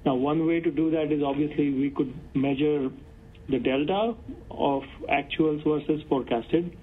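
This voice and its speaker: A man from the audience asking a question hesitantly, with many fillers. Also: moderate pace. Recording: tinny phone-like sound, faint rumble.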